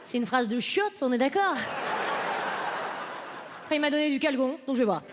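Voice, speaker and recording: A woman's voice: high-pitched, animated, moderate pace, noisy background. A woman in her late twenties doing a stand-up comedy set on stage, chatty and self-mocking as she talks straight to the audience. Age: late 20s. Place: comedy festival stage before a live audience.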